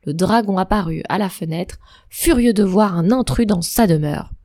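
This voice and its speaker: A woman reading a fairy tale aloud at an unhurried, even storytelling pace. Her voice sits at an ordinary pitch and sounds dry and close, with no room echo. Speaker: narrator.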